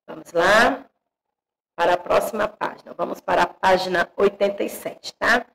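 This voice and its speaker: A woman's voice: mid-range voice, creaky, a bit bright, rough recording. A Brazilian woman teacher with a Brazilian Portuguese accent, patiently correcting exercises for young pupils in an online class and checking in often with them. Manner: slow, patient, spells out each accent mark.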